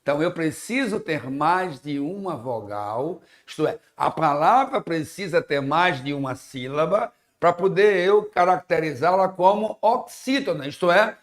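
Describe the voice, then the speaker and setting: A man teaches a broadcast lesson, laying out each rule methodically, one step at a time. His voice sits slightly high. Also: animated, measured pace, hardly any pauses. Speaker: teacher co-presenting a televised lesson. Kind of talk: explanatory classroom teaching.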